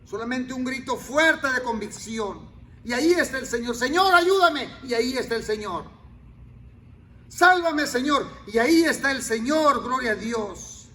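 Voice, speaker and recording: A male pastor preaching a sermon, dropping to near-whispers and then rising to loud, pleading cries. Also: very high-pitched, normal speed, a little hiss or hum. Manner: swings from quiet murmurs to loud cries.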